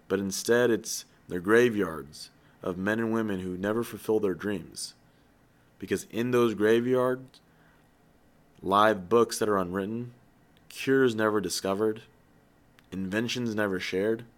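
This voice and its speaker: Lowish-voiced man, earnest and persuasive, delivering a motivational orientation. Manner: earnest and persuasive, with rhetorical questions and light jokes. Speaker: company founder addressing new recruits.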